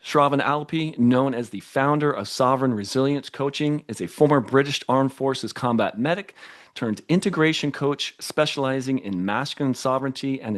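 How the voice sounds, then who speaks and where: A man hosting an interview podcast, reading a polished scripted introduction of his guest. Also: medium pitch. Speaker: podcast host.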